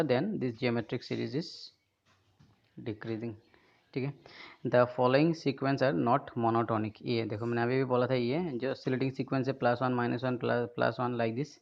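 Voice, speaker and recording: A male math teacher lectures step by step, often pausing to check that listeners follow. His voice has a gravelly, fry-laden edge at a middling pitch. The recording sounds dull and lo-fi. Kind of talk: lecture mixing Hindi and English.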